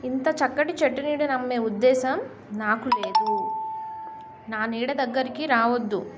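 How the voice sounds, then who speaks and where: A woman voicing a clever man who answers calmly and evenly as she tells a story. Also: high voice, unhurried, over loud music. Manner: calm and even. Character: calm clever man, quietly sure of himself. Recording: dull lo-fi recording.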